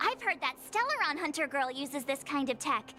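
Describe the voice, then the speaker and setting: A woman's voice: high voice, very animated, drawn-out words, heavily acted. A woman voicing an upbeat young female adventuring companion in a video game, cheerful and eager.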